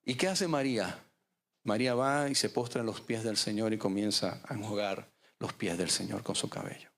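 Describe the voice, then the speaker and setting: A man, preaching a sermon as pastor, with dramatic pauses. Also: on the low side, vocal fry. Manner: preaching with dramatic pauses, acting out voices in stories.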